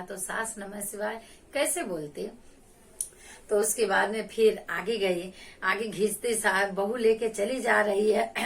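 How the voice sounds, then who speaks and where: A woman tells a Shiva devotional story at an unhurried, deliberate pace, circling back over each phrase. Her voice sits at an ordinary pitch and sounds a bit far from the microphone. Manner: slow, repetitive retelling. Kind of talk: religious folk storytelling.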